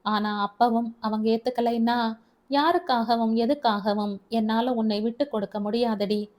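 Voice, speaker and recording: A tender young husband comforts his bride in a gentle, affectionate tone. A woman narrator reads him in her own medium-high voice. He sounds calm and steady in the audiobook. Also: measured pace, close to an everyday voice. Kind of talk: audiobook character voice.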